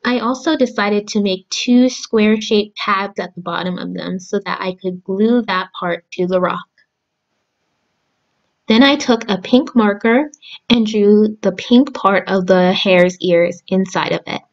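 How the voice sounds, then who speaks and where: A young adult woman speaking to children in simple, deliberate phrases, as a storyteller and craft host. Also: medium pitch, highs cut off. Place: small room at home, indoors.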